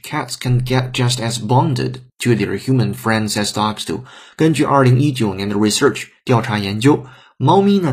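A man with a slightly husky voice explains an English lesson at an even, steady pace. He works through each phrase piece by piece and pauses to spell words out letter by letter. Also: medium pitch. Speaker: English teacher.

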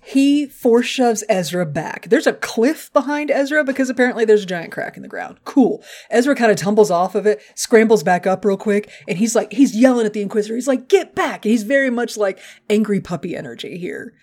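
A woman co-hosting a podcast, recapping a cartoon episode in an animated, joking, profane way. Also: mid-range voice, a little fast, hardly any pauses. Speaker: podcast co-host.

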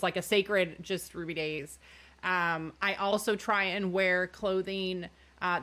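A woman's voice: mid-range voice, fairly bright tone. A woman chatting casually about getting into character for tabletop games, friendly and using many fillers. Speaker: tabletop game player. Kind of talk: casual chat.

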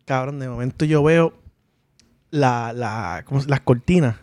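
A man's voice: mid-range voice, measured pace, a little mellow, no echo, studio quality. A young man co-hosting a podcast, telling stories animatedly with laughs and sound effects. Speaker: podcast co-host. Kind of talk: casual storytelling chat.

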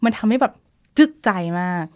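A woman's voice: brisk, mellow. A woman born in the United States and a native English speaker, chatting casually as a guest and explaining history, easily mixing English terms into her speech.

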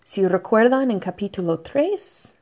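A woman teaching a Spanish lesson to students, explaining slowly and patiently with soft fillers between points. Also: medium pitch, very animated. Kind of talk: recorded online lesson.

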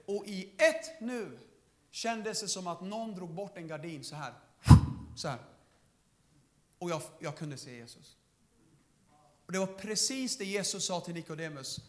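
A young man giving a lively testimony sermon, laughing often and calling out to the congregation. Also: high-pitched. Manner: lively storytelling, laughing often, shouts to the crowd. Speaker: preacher.

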